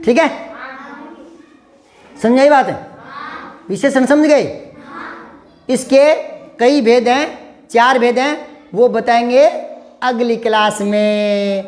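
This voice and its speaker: Male teacher, slow and patient, drills words until pupils get them. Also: extremely high pitch. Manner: calls pupils "beta", asks constant questions. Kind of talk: classroom grammar lesson.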